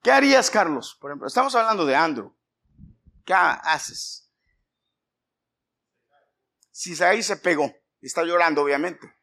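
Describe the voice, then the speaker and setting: A man's voice: on the high side, expressive, moderate pace, vocal fry, long pauses, pushed and bright. A man, a pastor giving a conversational sermon in a church, questioning his congregation by name. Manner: acts out scolding dialogues with shifting voices.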